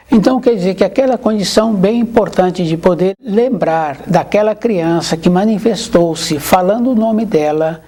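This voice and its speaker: Spiritual teacher, mellow tone, calm and measured, leans on repeated phrases. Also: medium pitch. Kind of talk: reflective spiritual talk.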